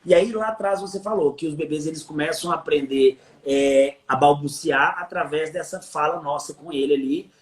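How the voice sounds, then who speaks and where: Man, Brazilian accent, gentle curious host, echoey room. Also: on the high side, moderate pace, hardly any pauses. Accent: Brazilian Portuguese. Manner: curious, gentle, thinking aloud. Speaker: host and teacher. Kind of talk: casual interview chat.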